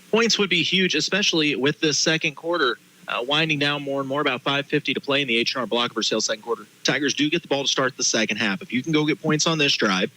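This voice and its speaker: A man calling play-by-play in live high school football commentary. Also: pushed and bright, low-quality recording. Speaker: play-by-play announcer.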